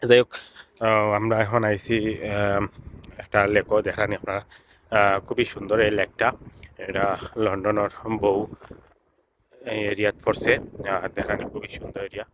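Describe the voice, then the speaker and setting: A man with a Sylheti accent talks casually in a slightly low voice while filming outdoors by a lake, repeating himself and filling pauses. There is a faint hum of open air behind him. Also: little pitch movement. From Sylhet, Bangladesh. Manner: chatty, repetitive, with many filler sounds. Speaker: vlogger. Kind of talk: casual vlog narration.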